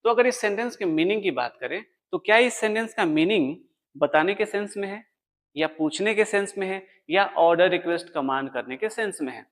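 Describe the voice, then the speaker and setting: A man's voice: high-pitched, animated, brisk. Patient man teaching English grammar. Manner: explains step by step, asks questions and answers them; writes on a board while explaining. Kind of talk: classroom lesson explaining grammar.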